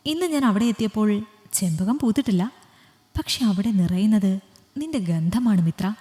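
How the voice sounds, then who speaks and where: Woman voicing a soft-spoken young guy in an audiobook, gentle, asks questions, echoey. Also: medium pitch, animated, moderate pace, close to an everyday voice. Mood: tender.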